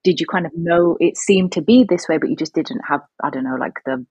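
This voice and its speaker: A woman's voice: on the low side, brisk, a little mellow, breathy edge, dry recording, poor audio. A woman with a faint Birmingham accent, co-hosting a casual podcast and asking supportive questions. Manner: attentive, asks questions, supportive. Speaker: podcast co-host. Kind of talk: casual chat.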